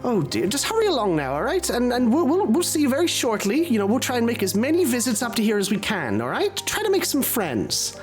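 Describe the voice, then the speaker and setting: A man's voice: very high-pitched, wildly swooping pitch, brisk, hardly any pauses, over music, pitched above the performer's own voice, heavily acted. A man voicing a fussy halfling mother who stammers and frets in a tabletop game. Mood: flustered. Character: fussing doting halfling mother.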